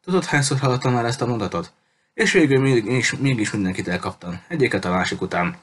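A man's voice: mid-range voice, animated, a little hiss or hum, close to an everyday voice. A man reading a cruel pirate captain in an audiobook, threatening and mocking in a coldly polite way. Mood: menacing. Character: cruel menacing male pirate captain, adult.

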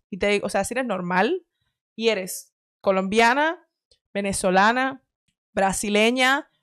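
A woman's voice: on the high side, a bit bright, no room sound, clean studio sound. A young woman hosting a casual reaction chat, reading comments and joking with teasing asides and frequent laughs.

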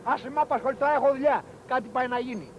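An actor playing a smooth-talking, scheming professional false witness who haggles persuasively. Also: male voice, very high voice, lo-fi sound, slight background noise. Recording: roomy 1980s film soundtrack.

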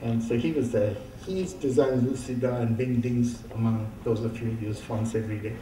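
A man's voice: mid-range voice, fairly even intonation, dark tone, a little hiss or hum. Man at a lectern in an echoey hall. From India. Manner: reminiscing, halting, with frequent fillers. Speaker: keynote speaker. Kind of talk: conference keynote talk. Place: large dark auditorium stage. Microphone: lectern microphone, heard from far off. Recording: roomy hall sound from a distant camera.

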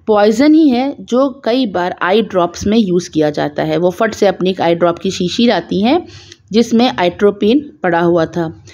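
A woman narrating a conversational summary of a detective story, explaining each twist in a relaxed, chatty way with small asides. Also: medium pitch, lo-fi sound.

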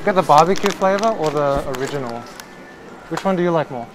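A man's voice: on the high side, lively intonation, fairly quick, over music, low-quality recording. A man speaking through a face mask in a supermarket, chatting casually and curiously as he shows products to his viewers. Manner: chatty, curious, explaining as he browses. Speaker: vlogger. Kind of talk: casual walk-and-talk vlog. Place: indoors in a supermarket.

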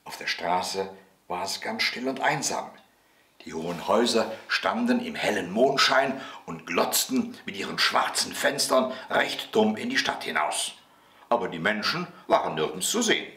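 Expressive male bedtime storyteller. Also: fairly low pitch, moderate pace. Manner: gentle, expressive reading. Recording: roomy echo.

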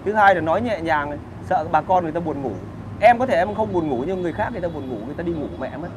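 A man's voice: on the high side, expressive, very fast, noisy background. A man, hosting a casual livestream where he rants crudely and combatively while answering comments.

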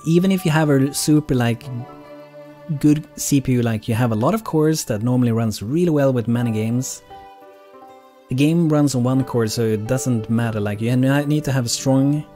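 Man doing casual game streaming, mellow tone. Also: mid-range voice, normal speed, soft background music. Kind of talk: casual live gameplay commentary.

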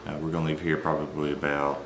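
A man's voice: rumbling low, quick pace. A young man casually rambling through a home and car vlog, full of fillers. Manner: rambling, relaxed, filler-heavy. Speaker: vlogger. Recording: noisy home video, car noise.

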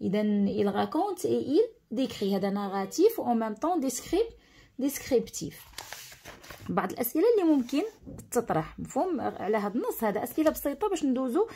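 Moroccan woman teaching, mellow tone. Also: a little high, big pitch swings, normal speed, creaky, a little hiss or hum. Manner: mixes French terms into Arabic, asks "understood?" often. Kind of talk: explaining a school lesson.

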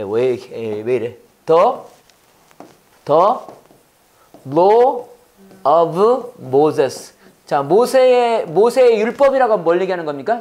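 An English teacher leads a Bible-based lesson in a mid-range, darkish voice. The class gets quizzed and drilled in call-and-response, with phrases repeated slowly for the learners.

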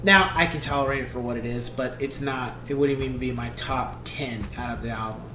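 A man in his thirties giving a casual album review from a seated spot at home, talking in a halting, thoughtful way with many restarts. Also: mid-range voice, reverberant, noisy background. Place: small home room, seated indoors.

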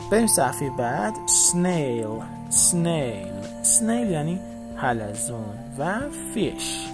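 Gravelly man teaching English words slowly. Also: mid-range voice. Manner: slow repeated English words, then Persian meanings. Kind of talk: children's English lesson.

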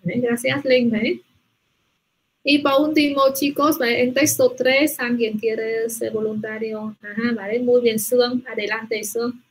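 A woman's voice: fairly high pitch, fairly even intonation, a little slow, slight background noise, rough recording. A woman teaching a language class, patiently praising students and checking with them often. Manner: patient, repeats "muy bien" and "¿vale?" often. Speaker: Spanish teacher.

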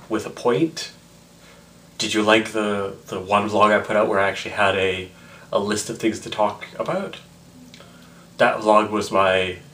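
A man in his twenties vlogs in a lowish voice, audibly tipsy. He rambles in a casual, halting way, circling back over his own words. Small asides come out with mock indignation. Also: a bit bright, a little hiss or hum. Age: 20s. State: tipsy from drinking. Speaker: vlogger. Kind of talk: casual rambling vlog to camera. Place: small indoor room with block wall, seated close to camera.

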